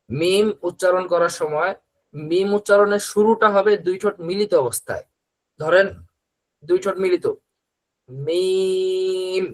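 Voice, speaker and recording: A man with a Bangladeshi Bengali accent teaching the Arabic letters as a Quran teacher, patiently repeating each sound in long, drawn-out recitation. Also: sits high, low-quality recording. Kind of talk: slow letter-by-letter recitation lesson.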